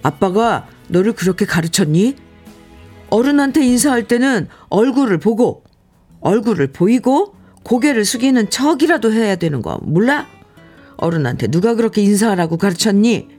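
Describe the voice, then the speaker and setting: A woman voicing a middle-aged father who loudly scolds his son. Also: medium pitch, lively intonation, normal speed, husky, soft background music. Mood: angry. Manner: raised, scolding voice.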